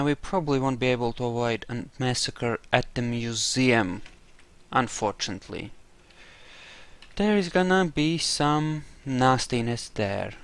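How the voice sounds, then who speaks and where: A man plays through a game in character, musing aloud with casual, wry commentary on a close mic. His voice is mid-range and smooth.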